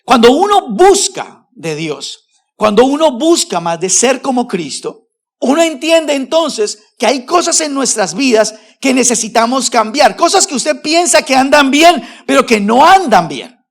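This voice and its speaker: A man preaching a sermon as pastor. He asks the congregation rhetorical questions and speaks to them directly, swinging between loud stressed words and low, quiet phrases. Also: sing-song, unhurried, creaky. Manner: addresses the congregation directly and formally.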